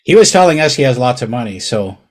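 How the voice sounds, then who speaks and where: A man's voice: mid-range voice, very animated, fast talker. A man hosting a podcast in casual chat, joking and laughing easily. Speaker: podcast host.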